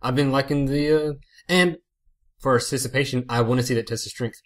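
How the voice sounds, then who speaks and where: A man's voice: mid-range voice, a little fast. A man co-hosting a casual podcast, joking in a playful, mischievous way. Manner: playful, mischievous, deadpan jokes. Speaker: podcast co-host.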